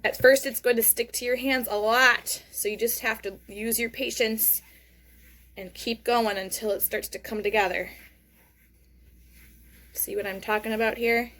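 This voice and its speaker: Female kids show host, higher register, speaks straight to young viewers, casual step-by-step craft demo, encouraging. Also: steady tone, moderate pace, a bit bright. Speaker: host of a children's craft lesson. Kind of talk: hands-on craft demonstration, casual narration.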